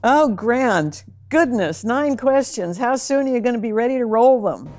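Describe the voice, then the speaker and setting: A woman's voice: on the high side, expressive, moderate pace, darkish tone, slight background noise. A woman co-host in casual conversation. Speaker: specialist co-host. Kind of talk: casual chat.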